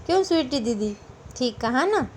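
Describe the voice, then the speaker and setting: A woman's voice: high voice, animated, normal speed, a little hiss or hum. A woman doing a cheerful teasing young man. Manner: playful, boastful.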